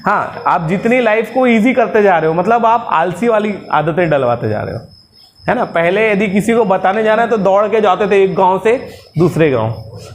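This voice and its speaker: A man's voice: high voice, animated, normal speed, a little hiss or hum. A man teaching a class. He jokes around, calls his students "beta" and keeps checking with them, "hai na?". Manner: jokey, keeps asking "है ना?" and calls students "बेटा". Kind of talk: classroom lecture.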